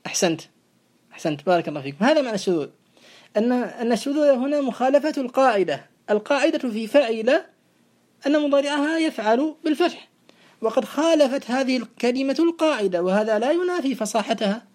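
A woman gives a classical grammar lesson in a mellow, fairly high voice. She explains step by step in a measured way and slows down to recite verse. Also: lively intonation. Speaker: teacher.

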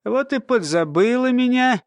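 Man doing old nanny woman, sly, mumbling, folksy; high and lively, dry read. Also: normal speed, dry recording. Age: older.

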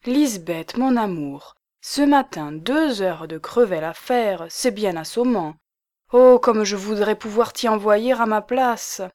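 A woman's voice: mid-range voice, slow pace, darkish tone, close to an everyday voice. A woman voicing a young coquettish married woman with a pleading, sighing lilt. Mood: plaintive.

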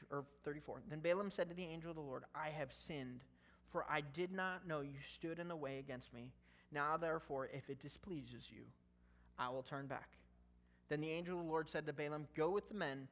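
A man's voice: fairly high pitch, fairly bright tone. Male pastor, casual sermon, conversational and humorous between scripture readings. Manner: conversational, jokey asides while reading scripture.

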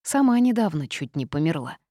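Expressive woman narrating, low-voiced. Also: a little fast, dry recording, clean studio sound. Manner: lively, expressive reading. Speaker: audiobook narrator. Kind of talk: first-person fantasy narration.

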